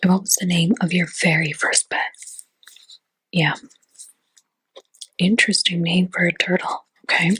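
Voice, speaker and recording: A woman's voice: fairly low pitch, little pitch movement, measured pace, long pauses, fairly bright tone, slightly rough, no echo, poor audio. A woman whispering in a chatty ASMR roleplay as a fortune teller, with lots of casual fillers.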